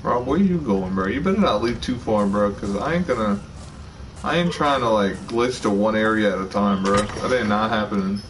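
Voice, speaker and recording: A young man streaming a video game, chatting casually and excitably with a friend, teasing and full of slang. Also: lowish voice, moderate pace. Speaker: gaming streamer. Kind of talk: casual gaming chat. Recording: distant voice with clear background noise.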